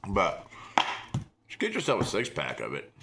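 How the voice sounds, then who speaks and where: A man's voice: low voice, huge pitch swings, moderate pace, vocal fry, heavy background noise. An American man giving a casual, emphatic, repetitive product review, talking with a lip full of dip. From small-town United States.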